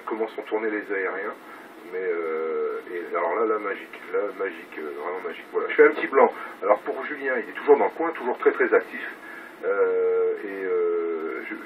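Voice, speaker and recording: With a fairly low-pitched voice, a man makes casual radio contact from home by his set, filming his amateur station on a phone held off the mouth. He sounds enthusiastic and repeats words to emphasize them, in dull, very noisy phone video.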